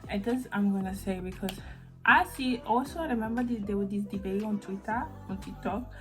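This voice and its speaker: A woman's voice: mid-range voice, fairly quick, soft background music, rough recording. A young woman from Italy in a casual opinion vlog, chatty and rambling with many restarts. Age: young adult. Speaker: vlogger. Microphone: phone mic.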